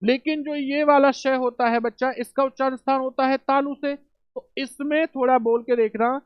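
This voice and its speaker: A man's voice: extremely high pitch, fairly even intonation, moderate pace, clear, resonant tone, no echo. A man teaching a spelling lesson for exam prep, asking rhetorical questions and answering them himself, calling students children and brothers. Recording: dull dry home recording.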